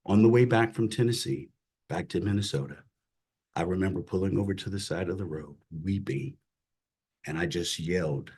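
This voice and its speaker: A middle-aged man, a chaplain, telling his personal faith story as an interview guest in an earnest, emotional way that drops to a hush at hard moments. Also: deep voice, normal speed, husky. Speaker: chaplain and CPE director, guest.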